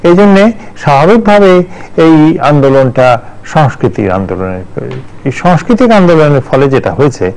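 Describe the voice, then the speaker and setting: A journalist and teacher in his sixties offers studio commentary, thinking aloud in a digressive way, restarting sentences and filling pauses with "um" and "ah." His slightly high, somewhat mellow voice has a gravelly fry and big pitch swings, and the recording quality is low.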